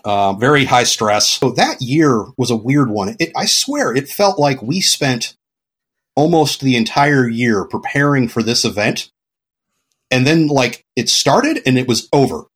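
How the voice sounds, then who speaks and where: A man and longtime security conference organizer, a guest in a casual podcast conversation, telling animated stories and acting out the dialogue. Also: medium pitch, measured pace, husky. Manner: animated storyteller, acts out dialogue.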